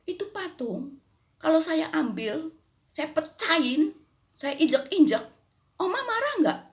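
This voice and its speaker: A woman's voice: high-pitched, big pitch swings, unhurried, pitched above the performer's own voice, heavily acted. An older woman voicing a sulky female neighbor who asks blunt, pushy questions. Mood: provoking.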